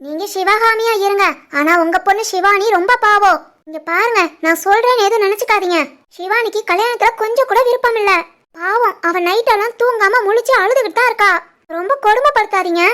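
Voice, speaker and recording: A bold young daughter-in-law in a cartoon, voiced by a woman, speaking in a very high, bright voice. She lectures and talks back defiantly, and has a southern Tirunelveli Tamil accent. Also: brisk. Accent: southern Tamil Nadu (Tirunelveli) Tamil. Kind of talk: animated family drama voice acting.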